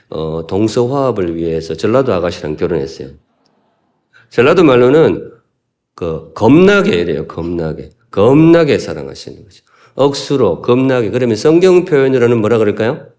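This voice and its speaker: Lively warm-voiced Korean pastor preaching. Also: male voice, fairly low pitch, moderate pace. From Gyeongsan, North Gyeongsang, South Korea. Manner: folksy, humorous, asks the congregation questions. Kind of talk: sermon.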